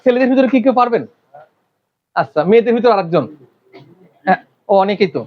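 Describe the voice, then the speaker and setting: Male teacher, high-pitched, quizzing a classroom, muffled lo-fi recording. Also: lively intonation. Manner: quizzing the class with rapid questions. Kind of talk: classroom lecture.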